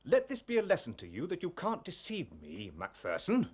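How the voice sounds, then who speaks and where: Lestrade, high-pitched blustering inspector. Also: male voice, huge pitch swings, normal speed, slightly rough, exaggerated voice. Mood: pompous, stern. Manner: pompous, barking. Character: blustering, self-important male police inspector. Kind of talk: period detective drama acting.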